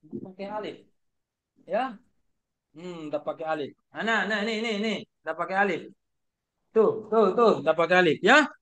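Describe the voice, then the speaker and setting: A middle-aged Indonesian-accented man lectures an online class, his voice pitched high and bright. He keeps questioning his students and circles back over the same points, filling the gaps with short fillers, all heard through a video call. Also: moderate pace, pauses often. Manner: questioning, repetitive teaching with many fillers.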